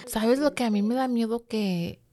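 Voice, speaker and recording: A woman's voice: on the high side, moderate pace, mellow. A woman co-hosting a true-crime podcast, chatting casually and slangily and mixing in English words. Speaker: podcast co-host.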